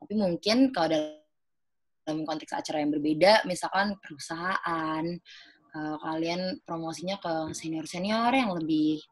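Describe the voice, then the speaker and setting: A woman's voice: sits low, moderate pace. A young woman giving a casual talk on a video call, chatty and full of fillers. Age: young adult. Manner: chatty, many fillers, acts out example phrases. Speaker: speaker at a student organization webinar.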